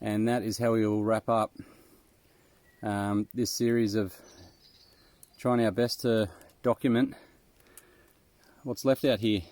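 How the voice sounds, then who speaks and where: Slow and often pausing, a laid-back Australian from New South Wales chats to viewers while out exploring abandoned mines in the bush. His voice sits on the low side, with little pitch movement and a darkish tone, and his talk is informal, slangy and self-deprecating.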